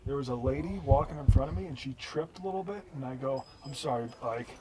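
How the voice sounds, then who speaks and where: A man's voice: mid-range voice, fast, a crowd in the background. A man hosting a hiking show, chatting casually outdoors on a trail, laughing often and swearing freely. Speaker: show host.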